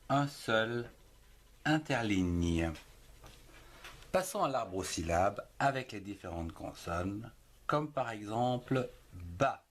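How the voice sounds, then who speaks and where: Male teacher, husky voice, very slow and deliberate, spells letters and syllables one at a time for a lesson. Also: fairly low pitch, fairly bright tone. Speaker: handwriting teacher.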